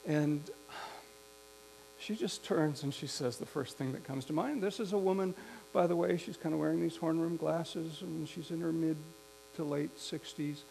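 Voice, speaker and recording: A man preaching a sermon, telling a story slowly and reflectively with some restarts. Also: on the high side, gravelly, dark tone, low-quality recording. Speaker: pastor. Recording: faint mains hum.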